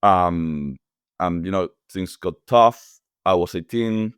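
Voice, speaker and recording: Guest, Argentine man with a Spanish accent, smooth voice, pauses for English words. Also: sits low, no room sound, studio quality. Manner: thoughtful, searches for English words. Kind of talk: casual podcast interview.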